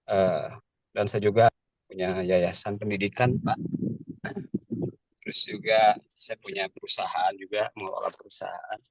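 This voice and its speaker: A man in his forties from West Java, giving a slow, formal self-introduction to a class as a graduate student. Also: low voice, level tone, gravelly, no room sound, rough recording. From West Java, Indonesia. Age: 40s. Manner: slow, formal, with religious greetings.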